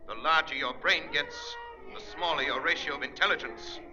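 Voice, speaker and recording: An actor playing a shrewd, commanding invisible avenger in a 1930s radio drama, theatrical, persuasive and taunting. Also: male voice, on the high side, a little fast, music in the background, lightly acted. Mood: scornful, taunting. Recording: muffled 1930s radio recording.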